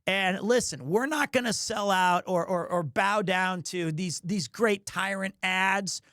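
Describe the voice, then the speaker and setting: With no room sound, a man in his forties from Missouri, USA, speaks a little slowly in a high, bright, forceful voice during casual live-stream chat. He's goofy, cracks jokes about himself, and repeatedly stumbles and restarts his sentences.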